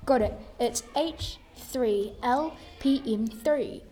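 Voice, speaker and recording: A woman's voice: on the high side, slow pace, warm tone, a little hiss or hum. A woman playing an eager, chatty security guard.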